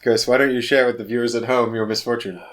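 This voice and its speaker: A man's voice: mid-range voice, little pitch movement, fast talker, a bit bright. A man commenting on a tabletop game, teasing the players and explaining the rules.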